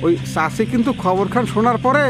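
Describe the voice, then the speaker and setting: A man's voice: very high voice, expressive, brisk, music in the background. An actor playing a man scolding his wife for laughing. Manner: scolding, reproachful.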